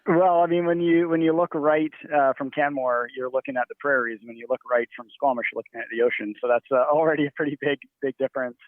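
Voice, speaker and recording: A man's voice: mid-range voice, steady tone, fast, few pauses, no room sound. A man who grew up in Nigeria, answering interview questions casually with many fillers and restarts. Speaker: guest. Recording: tinny phone-like line.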